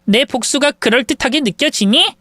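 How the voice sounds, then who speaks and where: A woman's voice: high-pitched, moderate pace, a bit bright, no room sound. A woman voicing a vindictive young woman who smugly taunts her former friend over the phone in a drama story. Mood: gloating. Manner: taunting, smug, cruel. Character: gloating vindictive young woman, husband-stealer. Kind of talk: acted phone quarrel in a story video.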